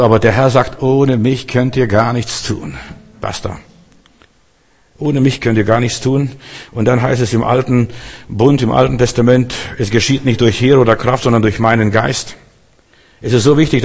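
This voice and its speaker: A man preaching a sermon with a steady mid-range voice, talking to each listener directly and acting out the lines he quotes. His voice carries a long reverb, like a large hall. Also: medium pitch, slightly rough.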